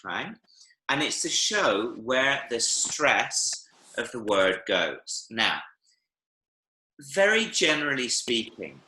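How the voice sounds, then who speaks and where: Guy teaching a language lesson on a video call, bright voice, echoey room, keeps asking "yeah?" to check in. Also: mid-range voice, slight background noise. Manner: patient, checks understanding often with "yeah?" and "right?". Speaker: Spanish teacher. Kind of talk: online one-to-one language lesson.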